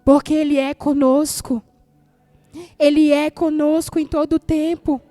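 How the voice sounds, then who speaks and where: Woman pastor, Brazilian accent, high warm voice, emphatic repetitive sermon delivery. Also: flat delivery, a little slow, dry recording, faint music behind. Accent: Brazilian Portuguese. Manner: emphatic, repeats key phrases for effect.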